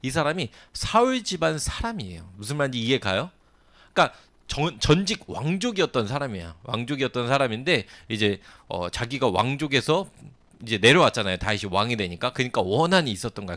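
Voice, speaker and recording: A man's voice: mid-range voice, fairly bright tone. A middle-aged man preaching a casual sermon to teenagers, acting out the story and often checking that they follow. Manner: chatty, acts out the story, keeps checking understanding. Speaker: youth pastor.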